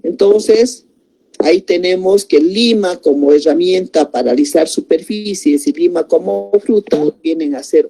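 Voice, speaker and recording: Slow, dark-voiced woman teaching. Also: fairly low pitch. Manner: slow and explanatory, repeats words, many tag questions. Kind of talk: spelling lesson.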